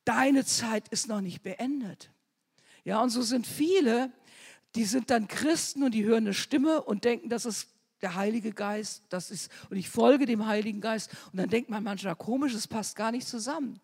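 A woman preaching a charismatic sermon, telling testimonies with emphatic, storytelling delivery that rises to loud exhortation. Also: a little high, moderate pace, slightly rough. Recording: long reverb of a hall.

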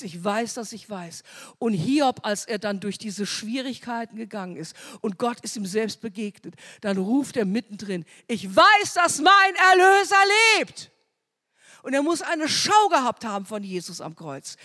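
A woman preaching a sermon, repeating phrases and rising loud on key words. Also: fairly high pitch. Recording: long hall reverb.

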